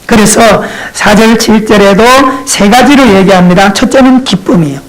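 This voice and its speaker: A male pastor preaching a sermon, talking straight to his congregation in a playful, animated way. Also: high-pitched, moderate pace, low-quality recording.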